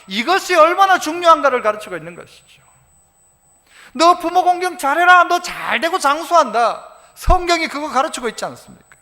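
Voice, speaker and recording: A male pastor delivers an animated sermon, acting out little scenes of dialogue as he goes. His voice sits very high and bright, and it swings widely in pitch. The sound carries a long church-hall reverb. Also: brisk. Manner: animated preaching, acts out quoted dialogue. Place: church sanctuary.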